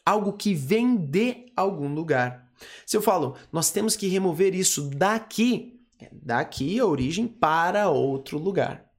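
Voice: mid-range voice, expressive, measured pace. A teacher with a Brazilian Portuguese accent explaining English phrases, patiently repeating each word and checking in with the class. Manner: patient, repeats words and checks in with frequent 'tá?' and 'ok?'.

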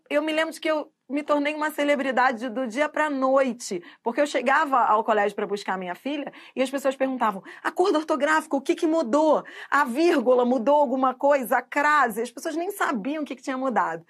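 High-voiced Brazilian woman teaching grammar. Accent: Brazilian Portuguese. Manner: drills with repeated quiz questions, stretches key terms slowly. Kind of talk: exam-prep grammar lesson.

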